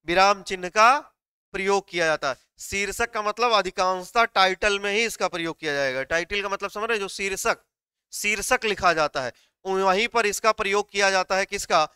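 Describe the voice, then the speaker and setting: A man teaching a live online class, who explains step by step, puts questions to his students and dictates notes slowly word by word. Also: high voice, bright, forceful tone, clear, resonant tone, no echo, studio quality.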